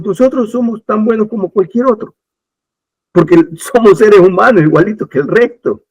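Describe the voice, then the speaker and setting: A man's voice: high-pitched, husky, muffled recording. Emphatic man giving opinions. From Ecuador. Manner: emphatic, repeats points, many restarts. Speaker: political commentator. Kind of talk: opinionated talk-show discussion.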